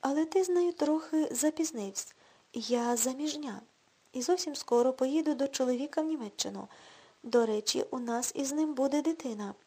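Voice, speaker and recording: A woman's voice: sits high, normal speed, warm tone. Woman reading a mocking, firm woman. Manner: cool and dismissive.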